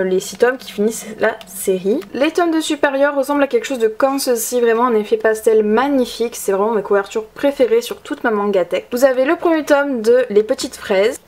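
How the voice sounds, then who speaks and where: A woman's voice: on the high side, a little mellow. A young woman casually narrating a tour of her manga shelves, chatty and often hesitating. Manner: chatty, hesitant with frequent fillers. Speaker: manga collection vlogger.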